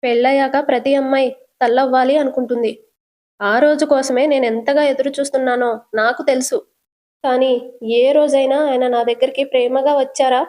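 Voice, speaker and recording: A woman's voice: high-pitched, fairly even intonation, moderate pace, a little mellow, pitched above the performer's own voice, natural voice. A woman voicing a hurt young wife who speaks in a pleading, aggrieved way.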